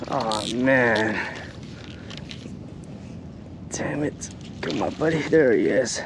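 Speaking slowly in a mid-range voice, a man in his thirties gives laid-back vlog commentary on a fishing outing. He chats with plenty of fillers on a shoreline, captured by a hand-held or chest-mounted action camera amid faint outdoor noise.

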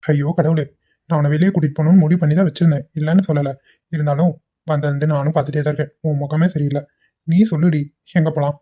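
A woman voicing a caring young husband in a cartoon, speaking softly and affectionately. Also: sits low, fairly even intonation, fast talker, phone-quality sound. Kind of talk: cartoon voice acting.

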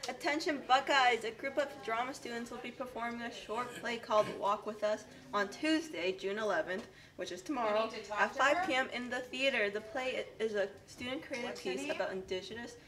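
A woman's voice: on the high side, normal speed. A young woman, a student announcer, reading scripted announcements over a school intercom. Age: teens to young adult, high school student. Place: indoor school office. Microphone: telephone handset of school PA, seen.

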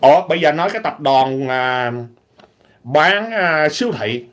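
A man from Vietnam, talking animatedly in a casual opinionated vlog, clearing his throat often. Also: on the high side, animated, a little slow, fairly bright tone. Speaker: vlogger.

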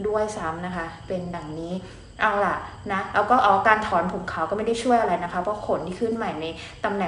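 A woman's voice: lowish voice, a bit bright. A woman doctor hosting her channel, explaining skin and hair care in a chatty, polite way. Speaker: dermatologist host. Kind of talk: casual explainer talk. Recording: roomy echo, faint noise.

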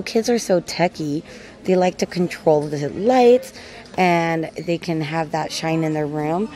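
A chatty woman films herself shopping in a large store on a handheld phone, pointing out items to her viewers. Her voice sits a touch low and friendly, and faint store music plays behind her. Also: warm tone. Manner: chatty, upbeat, calls viewers guys. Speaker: shopping vlogger. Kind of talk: casual shop-with-me narration. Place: large retail store indoors. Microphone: handheld phone camera.

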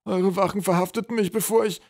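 A man voicing a terrified, whimpering male pack troll who pleads in a high, trembling voice. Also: steady tone, quick pace, darkish tone. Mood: pleading.

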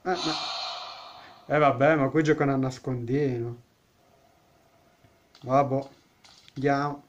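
A man's voice: mid-range voice, steady tone, slow, pauses often, lo-fi sound, slight background noise. A man giving let's-play commentary on a horror game as a gaming YouTuber, joking, chatting with the game characters and blurting out startled exclamations.

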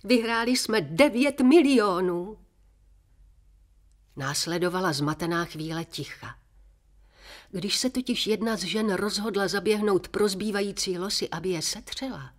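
A woman reading a children's story aloud with clear, steady storytelling. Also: on the low side. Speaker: story reader.

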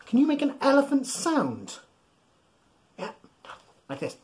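A very high, wildly swooping voice with a little hiss or hum belongs to a thirtysomething man reading bedtime stories to young children in a small soft-toy-filled room at home. His playful, exaggerated, encouraging reading addresses listeners with questions and pauses.

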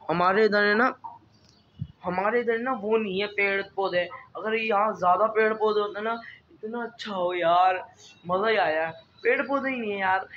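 A young man vlogging casually from his home rooftop on a phone, excitable, repeating words often. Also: high-pitched, muffled recording, a little hiss or hum. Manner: excitable, repeats words, frequent religious exclamations. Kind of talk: casual vlog chat.

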